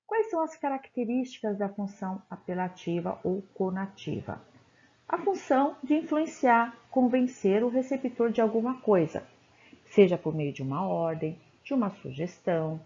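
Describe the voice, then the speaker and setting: A woman's voice: mid-range voice, warm tone. A woman teacher, giving a classroom lecture and checking in often with her listeners. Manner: explanatory, checks in with "tá?" and "né?". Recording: dull, lo-fi recording.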